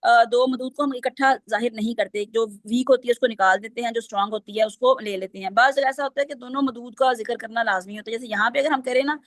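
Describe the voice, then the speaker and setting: A woman's voice: a little high, fast, hardly any pauses, dry recording. A woman teaching Quranic recitation rules, explaining step by step and quizzing her students. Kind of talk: online class lesson.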